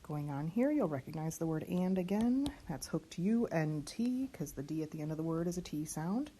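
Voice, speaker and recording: A woman teaching lyric diction, slowly spelling out letters and sounds one by one. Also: low-pitched, lively intonation, warm tone, slight background noise. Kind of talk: online diction lesson.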